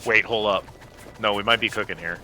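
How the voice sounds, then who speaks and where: Bright, forceful man doing game commentary. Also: fairly low pitch, steady tone, fairly quick, a little hiss or hum. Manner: profane, jokey, slangy. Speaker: gamer playing and commentating. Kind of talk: casual let's-play commentary.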